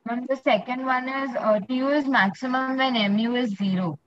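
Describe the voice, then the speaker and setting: A woman's voice: high voice, steady tone, normal speed, slight background noise. A young woman with an Indian accent, a student reciting answers in an online class. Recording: muffled lo-fi online call audio.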